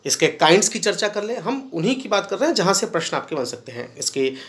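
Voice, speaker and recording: A middle-aged man, teaching an exam-prep grammar lesson. He lists terms steadily and slows down to say English example sentences. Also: high-pitched, sing-song, fairly bright tone.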